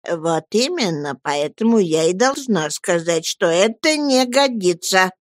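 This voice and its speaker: Stolid housemaid, flat and stubborn, measured pace, read by a woman; dry close sound. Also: fairly low pitch, no room sound. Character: stolid, blunt middle-aged housemaid. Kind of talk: audiobook character voice.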